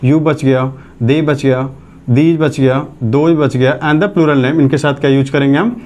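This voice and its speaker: A man's voice: medium pitch, unhurried, a little mellow. A man teaching English grammar in a classroom lecture, explaining step by step, dictating sentences word by word and asking whether the class has understood. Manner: explains step by step, asks checking questions.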